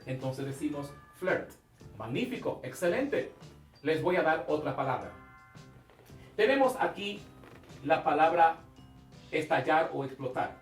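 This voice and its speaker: A man teaching English pronunciation in a televised class, speaking slowly and emphatically, drawing out key sounds and praising his viewers. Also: fairly high pitch, roomy sound, far from the mic. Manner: asks questions and praises the viewer.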